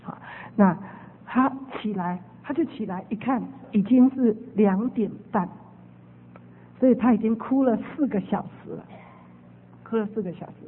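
A woman preacher telling a testimony as a storytelling sermon, animated and repeating her phrases. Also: medium pitch, moderate pace, a little hiss or hum. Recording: phone-like radio broadcast with long reverb.

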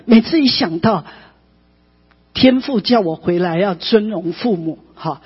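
A woman preacher telling a testimony in an animated, emphatic way, often adding tag particles. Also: medium pitch, slightly rough. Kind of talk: emotional sermon testimony. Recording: dull recording with long reverb in a hall.

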